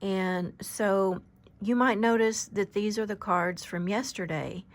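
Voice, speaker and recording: A very soft-spoken woman in her fifties with a medium-pitched voice gives an unscripted oracle card reading, her delivery gentle and halting with frequent pauses.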